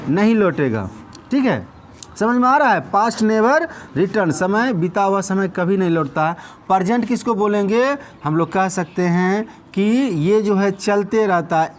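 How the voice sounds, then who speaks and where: A male English teacher, teaching a classroom of students and constantly firing quick questions at them. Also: sits high. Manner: dictates slowly, repeating words. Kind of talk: classroom lesson.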